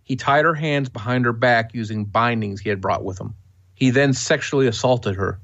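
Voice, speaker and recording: A man reads a true-crime script steadily and matter-of-factly, with a middle-range voice. The audio sounds slightly dull and muffled, as if the high end has been rolled off. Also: normal speed, creaky. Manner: steady, matter-of-fact reading. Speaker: podcast co-host.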